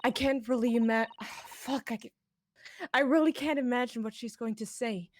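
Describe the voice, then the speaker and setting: A woman's voice: a little high, normal speed. A woman guesting on a stream, chatting crudely and jokingly while reading a game.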